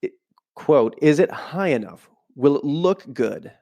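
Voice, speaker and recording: A man hosting a podcast from a room at home, not a studio, reads from a book with a cold-stuffed voice and keeps wandering into casual side remarks. His voice is a little high, creaky and warm, with lively intonation and a measured pace.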